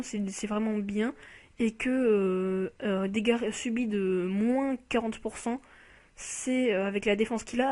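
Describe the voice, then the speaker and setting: A woman with a fairly high voice talks through a game card in a relaxed, unscripted commentary. She is chatty and keen, stumbling over her words and filling pauses as she thinks aloud. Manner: hesitant, with many fillers and restarts; chatty and enthusiastic about the card. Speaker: YouTuber reviewing a mobile game card. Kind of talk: casual spoken game commentary.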